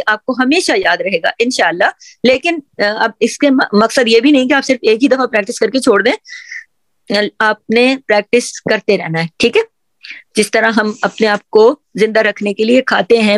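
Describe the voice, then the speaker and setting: A woman's voice: fairly high pitch, dry recording. A woman teaching Quran pronunciation, patiently drilling letter sounds and often checking that her learners follow. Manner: repeats sounds for drilling, asks "theek hai?" often; gently encouraging, addresses female learners. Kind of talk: patient tajweed lesson on letter articulation.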